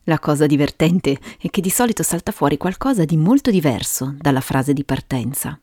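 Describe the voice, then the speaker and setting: A woman hosting and narrating a scripted story in a measured way, with dramatic pauses. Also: low-pitched, lively intonation, warm tone, dry recording, clean studio sound. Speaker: host and narrator of a storytelling show. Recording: music behind the voice.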